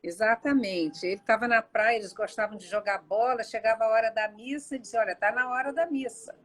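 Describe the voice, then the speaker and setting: A woman's voice: fairly high pitch, brisk, rough recording. An older woman with a Brazilian accent, telling a family story in a casual testimony and acting out the quoted dialogue. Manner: warm storyteller who acts out quoted dialogue. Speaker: guest, mother recounting her son's life.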